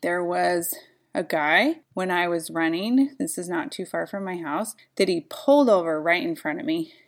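A woman's voice: on the low side, moderate pace. A woman runner and coach telling personal safety stories in a casual, emphatic way, speaking straight to viewers. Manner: emphatic, animated storytelling with direct asides to viewers. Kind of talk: casual storytelling vlog.

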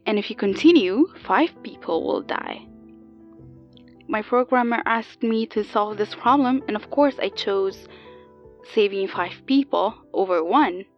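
A woman playing a calm AI copy of an older woman, heard over an old telephone line, explaining patiently and a little haltingly. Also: medium pitch, soft background music. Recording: dull lo-fi phone sound, dry.

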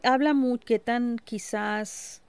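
Woman co-host, gravelly tone, reflective and measured in casual chat. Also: on the high side, steady tone, no echo. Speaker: podcast co-host. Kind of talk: casual conversation.

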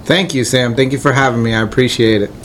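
Relaxed friendly man, interview guest. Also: mid-range voice, fast talker, a little hiss or hum. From Colombia, raised in Florida. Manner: relaxed, friendly, frequent fillers. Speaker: nonprofit CEO, guest. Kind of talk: conversational interview answers.

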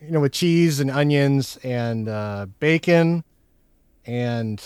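A man's voice: mid-range voice, slow, a little mellow, clean tone, no room sound, studio quality. A man hosting a casual film chat podcast, talking in a jokey way with touches of mock-formal showman patter. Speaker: podcast host.

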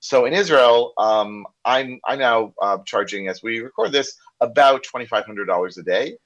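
Recorded in slightly dull lo-fi sound, this corporate trainer from the United States talks at medium pitch and normal speed with a somewhat bright tone. As a podcast guest in a relaxed chat, he shares a frank anecdote and performs the lines he quotes.

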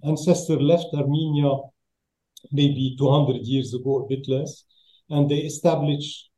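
A man with a Lebanese accent telling stories as an interview guest, halting as he searches for English words. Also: medium pitch, fairly even intonation, warm tone. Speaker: interview guest, roofing business owner. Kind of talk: conversational storytelling in an interview. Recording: echoey room sound.

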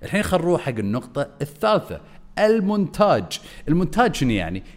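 A man giving an energetic video lesson as a content coach, swinging his voice up and down on purpose. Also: on the high side, quick pace.

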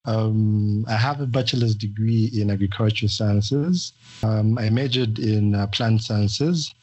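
Husky young man, relaxed. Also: on the low side, a little slow. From Zambia. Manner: relaxed and hesitant, with many fillers. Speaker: guest. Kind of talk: casual interview talk.

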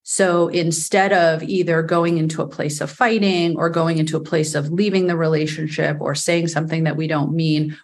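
A woman with a New York accent, a guest on a podcast interview, explaining earnestly with frequent fillers. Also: low-pitched. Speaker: attachment specialist guest.

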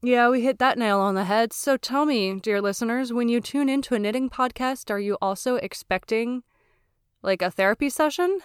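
A woman hosts her own casual solo knitting podcast, talking in a chatty, candid way, mocking herself and swearing freely. Her voice is fairly high and smooth at a moderate pace, recorded with studio quality and no echo.

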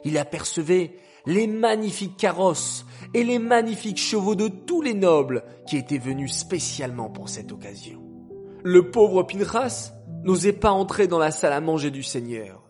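A man narrating a story in a slow, measured telling. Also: high-pitched, animated, a little mellow, soft background music.

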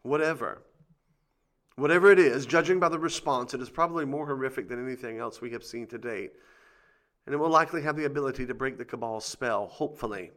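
A man's voice: medium pitch, a bit bright. A man hosting a conspiracy show, reading scripted commentary with dramatic emphasis and rhetorical questions.

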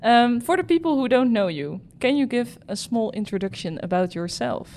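A woman's voice: fairly high pitch, lively intonation, moderate pace, a little mellow, slight background noise. A woman hosting a podcast interview, encouraging her guest with short replies. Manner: encouraging, frequent short backchannels. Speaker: podcast host.

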